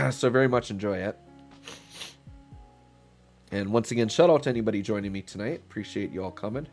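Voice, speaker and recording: Streaming a game live, a man getting over a cold talks in a stuffy, congested voice that sits on the low side and moves fairly quickly. He rambles casually and thinks aloud with fillers, relaxed, while faint music plays behind him.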